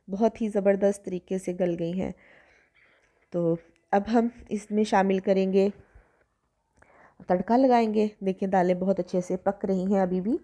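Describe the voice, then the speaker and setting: A woman's voice: medium pitch, dark tone. A woman hosts a cooking channel, explaining a recipe step by step in a chatty, polite voice-over. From Pakistan.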